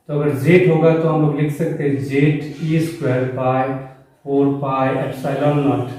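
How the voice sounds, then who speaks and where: A man lecturing in a strongly echoing classroom, his voice coming from some distance from the mic. His tone is mellow and a little high, and he explains step by step, mixing in English terms and formulas and quizzing the students along the way. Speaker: chemistry teacher. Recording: very echoey room, voice from a distance.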